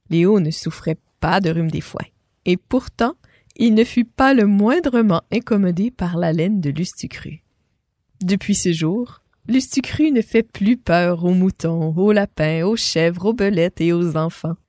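A woman reading a children's story aloud as a storyteller, expressive and speaking to a child listener. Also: medium pitch, dry recording, clean studio sound.

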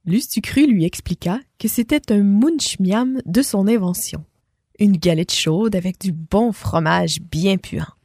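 Expressive woman reading a children's story. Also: mid-range voice, unhurried, husky, dry recording. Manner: warm, expressive, addresses the child listener.

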